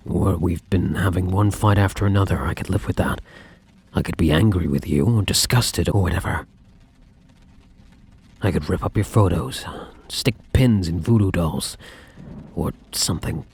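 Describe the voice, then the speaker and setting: A man playing a possessive, lovesick ex-boyfriend in an ASMR role-play, speaking intensely and defensively to the listener with dramatic pauses. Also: low voice, gravelly, a little mellow, breathy edge, exaggerated voice. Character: possessive, obsessive ex-boyfriend, self-justifying and lovesick.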